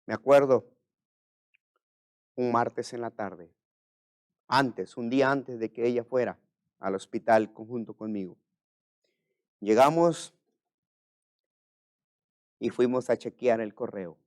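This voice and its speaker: A male pastor preaching a sermon, moving between hushed personal storytelling and loud, impassioned preaching. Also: medium pitch, slow pace, long pauses, no echo, studio quality.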